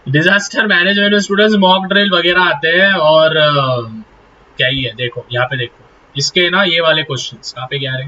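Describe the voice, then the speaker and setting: A man's voice: fairly high pitch, steady tone, fairly quick, bright, forceful tone. A young man teaching an exam-prep lesson, chatty and teasing as he talks to his students directly. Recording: slightly dull lo-fi recording with faint hiss.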